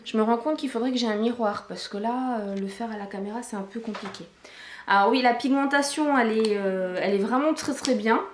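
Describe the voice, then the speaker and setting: A woman's voice: a little high, a little fast, slight background noise. Chatty woman, roomy echo. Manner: chatty, with many fillers and restarts. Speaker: beauty product reviewer. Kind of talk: casual product review vlog. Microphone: camcorder microphone.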